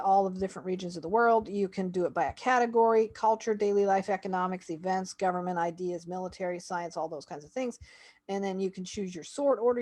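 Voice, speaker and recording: A woman reviewing a homeschool website, talking casually and thinking aloud as she clicks through it. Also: medium pitch. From Canada. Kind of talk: screen-share website walkthrough.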